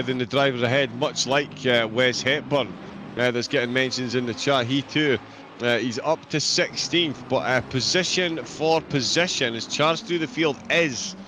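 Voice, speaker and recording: A man with a broad, thick Scottish accent giving conversational live race commentary, taking care to enunciate. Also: mid-range voice. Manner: careful to enunciate. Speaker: sim racing commentator. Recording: clear engine and car noise behind. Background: race car sounds.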